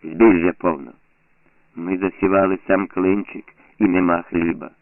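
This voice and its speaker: A man's voice: low voice, flat delivery, normal speed, slight background noise. A man voicing a weary, stubborn village farmer who insists plainly that his grain was already taken. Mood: insistent. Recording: tinny lo-fi phone-like sound.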